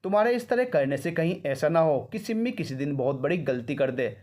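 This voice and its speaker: A stern old grandmother, indignant and scolding, her voice lifted high and slowed to lecture, as a male storyteller puts her on. She reproaches the household in a storybook reading. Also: expressive, darkish tone, natural voice.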